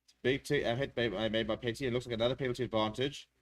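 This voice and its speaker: A man giving live rugby play-by-play for a watchalong stream, talking quickly with frequent fillers and rising excitement in the action. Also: mid-range voice. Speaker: watchalong commentator. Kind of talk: live rugby commentary with chat replies.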